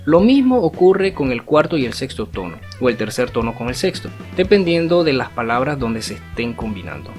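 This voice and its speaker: A man's voice: mid-range voice, very animated, fairly quick, hardly any pauses, a little mellow. Man explaining a language lesson. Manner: didactic, asks rhetorical tag questions. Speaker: Cantonese language teacher. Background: faint guitar music.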